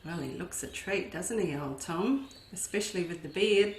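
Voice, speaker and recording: A woman educator with a lowish voice reads a farm story to children at a moderate pace, adding expressive asides to her young listeners. The echoey recording carries a little hiss or hum.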